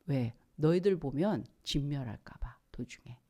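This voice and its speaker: A woman pastor preaching a sermon in a church. She talks in an animated way, acts out the voices of people in her examples, and drops to a hushed near-whisper for emphasis. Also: very deep voice, a little slow.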